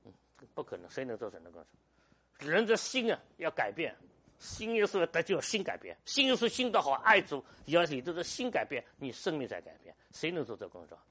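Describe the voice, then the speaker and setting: Older man preaching with lively pitch. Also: brisk, husky. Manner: emphatic, rhetorical questions, storytelling. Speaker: pastor. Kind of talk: sermon.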